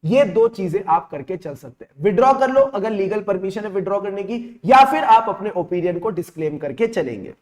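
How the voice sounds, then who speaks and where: High-pitched energetic Hindi-speaking teacher. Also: male voice, normal speed, hardly any pauses. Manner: energetic, repeats lines, mixes English terms into Hindi. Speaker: CA exam teacher. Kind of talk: live online revision lecture.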